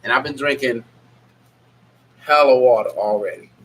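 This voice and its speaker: Running a casual live Q&A while sick, this male streamer has a medium-pitched, fairly bright voice at a normal pace. A stuffy nose and scratchy throat make him sound nasal. His talk is rambling and blunt, and he calls out chat names as he goes.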